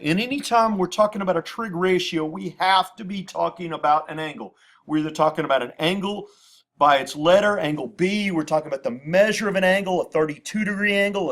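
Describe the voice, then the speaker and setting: A man teaching a lesson at a whiteboard, patiently repeating terms and spelling out abbreviations. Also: sits high. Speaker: math teacher. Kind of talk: classroom lecture at a whiteboard.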